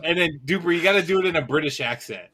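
A brash podcast co-host with a slightly raised, bright voice. He jokes bluntly and swears freely in loose banter with friends. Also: fairly high pitch, lively intonation, quick pace, husky. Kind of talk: casual chat.

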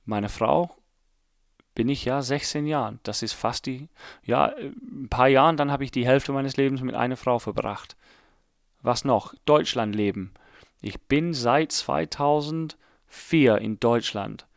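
Gravelly and unhurried at a medium pitch, a late-thirties Englishman whose first language is English rambles through a casual solo podcast in German, accent intact. He mocks himself as he thinks aloud, and the studio sound is clean with no room sound.

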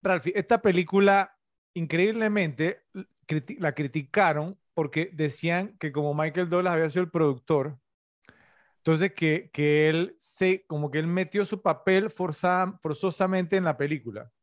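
Man, middle-aged, podcast co-host, slightly high voice, dry close sound, rambling with fillers. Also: moderate pace, no echo. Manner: rambling, full of tag questions and fillers. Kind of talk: casual film-review chat.

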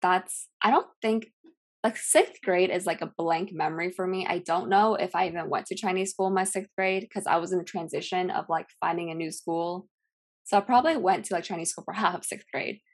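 This young Cantonese-speaking woman from California has a lowish voice and talks fairly quickly. As a podcast guest, she keeps the chat casual, relaxed, and rambling, with plenty of fillers.

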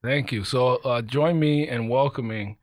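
A man's voice: mid-range voice, a little slow, no echo. A man hosting a podcast, chatting casually about football and welcoming a guest. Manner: easygoing, chuckling, sports banter. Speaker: podcast host. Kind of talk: casual chat. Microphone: studio microphone.

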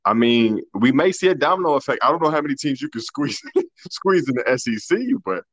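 A man's voice: mid-range voice, sing-song, fairly quick, fairly bright tone, dry recording. A man co-hosting a casual sports podcast, talking loosely and colloquially, often restarting his sentences.

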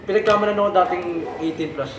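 A man's voice: high voice, quick pace. A young man joining a casual group chat, teasing his friends with blunt banter. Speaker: podcast co-host. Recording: echoey room with chatter behind.

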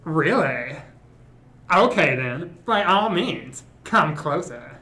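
A man's voice: on the high side, animated, slow pace, heavy background noise. A man voicing a smug aristocratic male villain in an amateur anime fan dub, pompous and mocking. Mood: gloating.

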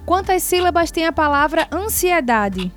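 A woman hosting a radio quiz in a studio, brisk and upbeat, reading each question slowly and clearly. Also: extremely high pitch, very animated, a bit bright, faint music behind. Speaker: radio show host, quiz master.

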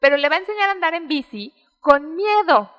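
A woman, a guest expert explaining child development in an interview, animated and acting out the voices of parents. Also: very high voice, brisk, muffled recording. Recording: roomy hall reverb.

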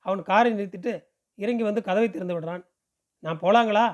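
A man with a notably high voice reads a novel aloud for a podcast. He tells the story in the first person at a steady, measured pace, as in an audiobook. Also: highs cut off. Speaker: podcast reader.

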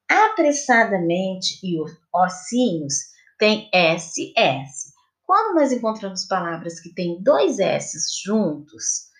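Slow, lively woman teacher, Brazilian. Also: medium pitch. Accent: Brazilian Portuguese. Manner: slow, patient, sing-song questioning. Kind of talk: recorded remote lesson for children. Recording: echoey room.

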